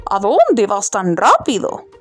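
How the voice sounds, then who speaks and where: A woman voicing a hungry rooster in a children's story, demanding a bite in slow, loud lines. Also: mid-range voice, wildly swooping pitch, soft background music, voice pushed down, heavily acted. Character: handsome hungry rooster, bold.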